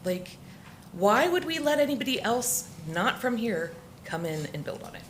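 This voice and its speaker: A woman who grew up locally in Florida, speaking at public comment in a council meeting, emotional and halting with many restarts. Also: on the high side, very animated, a little hiss or hum.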